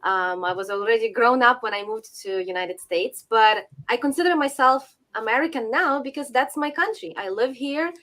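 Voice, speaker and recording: A woman's voice: fairly high pitch, normal speed, hardly any pauses, a bit bright. A woman from Ukraine, talking frankly as a podcast guest and laughing between points. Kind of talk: casual podcast talk.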